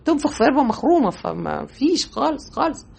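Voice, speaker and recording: A woman with an Egyptian Arabic accent giving a colloquial religious lesson, talking in a lively, conversational way and asking rhetorical questions. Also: high-pitched, fast talker, creaky. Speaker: religious teacher.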